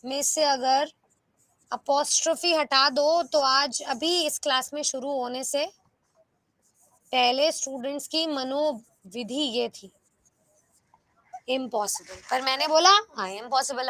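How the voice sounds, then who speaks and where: Young female teacher for an online class: high, bright voice, dry close mic, lively and coaxing, keeps asking the class questions. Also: a little slow, no room sound. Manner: lively, coaxing, asks students rhetorical questions. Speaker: online exam-prep teacher. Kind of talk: live online class, Hindi mixed with English.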